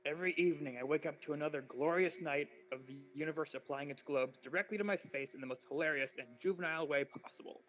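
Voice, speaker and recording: A man doing a gravelly, manic troll boy. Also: fairly high pitch, fast, hardly any pauses, lightly acted, poor audio. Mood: furious ranting. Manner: shouting, manic tirade with swearing. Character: furious young male troll, manic and ranting.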